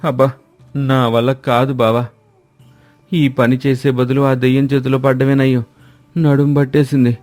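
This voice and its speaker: A man voicing a calm, scheming villager in a cartoon moral story. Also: medium pitch, measured pace, pauses often, soft background music. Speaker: voice actor. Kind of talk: cartoon story character acting.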